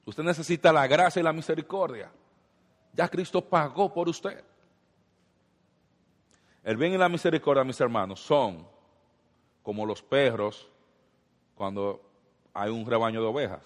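A man's voice: mid-range voice, measured pace, long pauses. A man preaching a sermon as pastor, addressing the congregation with rhetorical questions and repeated phrases. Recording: long hall reverb.

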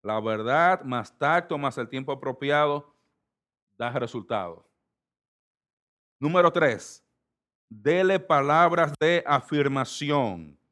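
A middle-aged man from the Republic, preaching a sermon with emphatic swings between loud and soft delivery. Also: fairly high pitch. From Dominican Republic. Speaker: pastor.

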